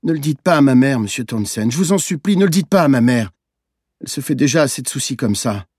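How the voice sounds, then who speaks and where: A man's voice: expressive, moderate pace, a little mellow, no echo, clean studio sound. Man voicing a frightened tearful little boy. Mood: pleading. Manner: pleading, sobbing, high-pitched cries.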